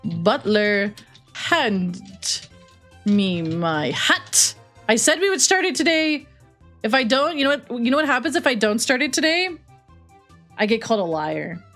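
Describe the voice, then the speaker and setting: Playful woman streamer with animated, high voice. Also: brisk, faint music behind. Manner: playful gamer-girl banter with slang. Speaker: streamer and host. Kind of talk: casual livestream gaming chat.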